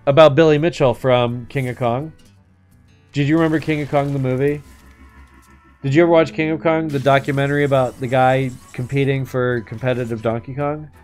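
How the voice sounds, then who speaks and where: A man's voice: medium pitch, fairly even intonation, a little fast, a little mellow, faint music behind. A man live-streaming a game, chatting and commenting casually with slangy, sweary speech.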